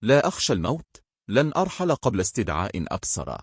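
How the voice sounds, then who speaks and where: A man's voice: medium pitch, big pitch swings, fast, breathy edge, dry recording, clean studio sound. A man voicing a desperate young husband bent on revenge in a storybook horror tale, pleading and defiant.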